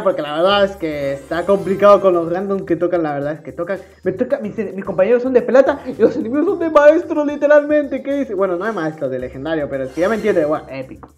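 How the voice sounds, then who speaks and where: Excitable high-voiced young man. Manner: excitable, swings between groans and shouting. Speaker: gaming YouTuber. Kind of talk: casual game-opening commentary.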